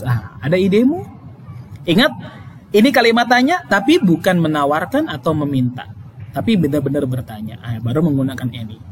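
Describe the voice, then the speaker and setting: A man's voice: sits high, a little hiss or hum. A male English teacher explaining grammar in a lesson, emphatic, repeating key points and checking with "oke?".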